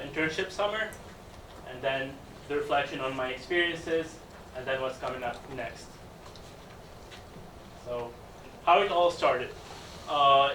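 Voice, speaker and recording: Young guy from tunisia giving a talk, kinda hesitant, bright voice, roomy echo, mic a bit far. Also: medium pitch, slight background noise. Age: young adult. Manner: hesitant, many fillers. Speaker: student presenter. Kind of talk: student presentation. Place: lecture room. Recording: echoey room, mic from a distance.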